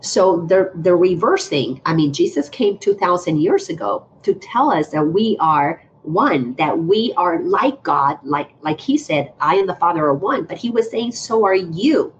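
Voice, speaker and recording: An earnest woman speaks in long, flowing runs, leaning into each point as a guest teacher in a relaxed conversation. Her voice sits a little low for a woman. The audio comes through a video call and sounds muffled and lo-fi, with a faint hiss behind it. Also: measured pace, few pauses. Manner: earnest, flowing, emphatic about spiritual ideas. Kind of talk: casual spiritual conversation.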